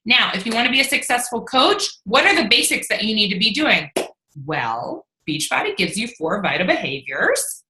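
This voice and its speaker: A woman coaching a fitness team in casual talk, energetic and rambling, laughing often. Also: fairly high pitch, moderate pace, slight background noise. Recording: roomy echo.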